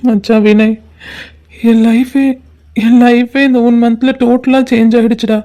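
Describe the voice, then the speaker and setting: A woman voices a heartbroken young man in a cartoon, speaking in a despairing, pleading way to his best friend. Her voice is a little high and mellow, with a flat delivery at normal speed, close to her everyday voice.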